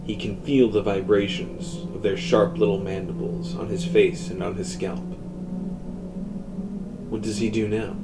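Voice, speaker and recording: A man narrating a scripted horror story in a measured way, often dropping to a hushed tone. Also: on the low side, flat delivery, creaky, loud music behind the voice, poor audio.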